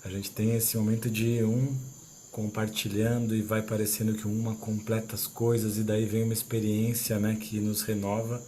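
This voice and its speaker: A man's voice: on the low side, moderate pace. Guy explaining the bible in a chill chatty way, some faint noise and crickets in back. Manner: relaxed and conversational, full of tag questions. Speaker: leader of a church small-group meeting. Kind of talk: informal Bible teaching.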